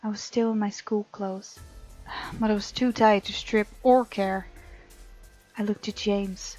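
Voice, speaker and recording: This let's-play host, a woman, narrates a visual novel and mixes in her own thoughts. Her medium-pitched voice stays steady, a little slow and a little mellow, heard through dull audio with game music underneath.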